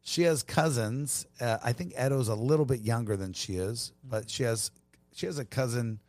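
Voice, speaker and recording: A man's voice: mid-range voice, moderate pace, a little mellow, dry recording. A man from Long Beach, California, chatting as a podcast guest, laughing and restarting as he tells stories. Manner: laughing, loose storytelling with restarts. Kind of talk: casual chat.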